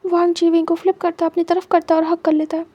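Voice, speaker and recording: A woman narrating a romance fan fiction story in a plain, steady way. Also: extremely high pitch, quick pace, highs cut off.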